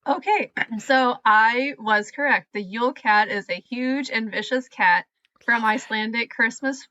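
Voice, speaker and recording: A woman's voice: fairly high pitch, bright, forceful tone, highs cut off. A woman co-hosting a podcast in casual chat, easygoing and plain when she reads out facts. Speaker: podcast co-host.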